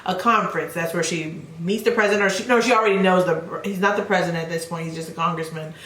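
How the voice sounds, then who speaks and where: A woman co-hosting a casual podcast about a TV show, reacting quickly and recapping scenes in a chatty way. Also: on the low side, fairly even intonation, fairly bright tone. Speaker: podcast co-host. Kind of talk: casual chat reviewing a TV show. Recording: roomy echo, faint noise.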